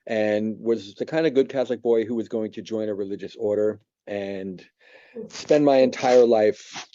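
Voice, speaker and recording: Man in his seventies, very dark mellow voice, slow reflective testimony, dry dull lo-fi sound. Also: fairly low pitch, no room sound. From New York. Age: 70s. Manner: halting, reflective, many pauses and fillers. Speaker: church member giving testimony. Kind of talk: personal testimony.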